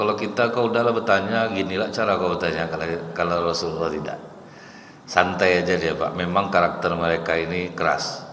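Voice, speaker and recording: A man's voice: sits low, a bit bright, a little hiss or hum. A man preaching a sermon to a congregation, telling folksy stories and often turning to his listeners as sir and madam. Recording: echoey hall with faint ambience.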